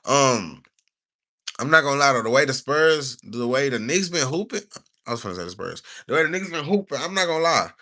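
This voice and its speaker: A man's voice: mid-range voice, expressive, a little fast, pushed and bright. A young man from the United States, talking casually on a livestream. He rambles in slang and sometimes reads stiffly from notes.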